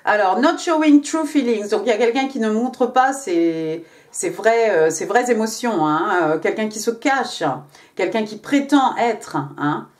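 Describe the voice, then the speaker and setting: A woman's voice: fairly high pitch, expressive, measured pace. Chatty woman doing a tarot reading. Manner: chatty, many fillers and "hein" tags, switches to English card text. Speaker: tarot card reader. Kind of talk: casual tarot reading to camera.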